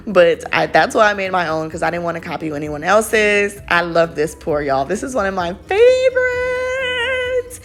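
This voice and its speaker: A woman's voice: lowish voice, moderate pace. Chatty woman. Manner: chatty and rambling, lots of fillers. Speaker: craft vlogger. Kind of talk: casual voice-over narration. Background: faint background music.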